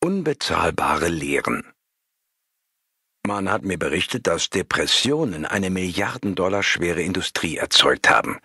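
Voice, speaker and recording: A man with a deep, husky voice reads a spiritual text in a calm, measured way. His delivery is lively in pitch and bright in tone. The recording is dry and close to the mic. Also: dry recording. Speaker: audiobook reader. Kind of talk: scripted narration.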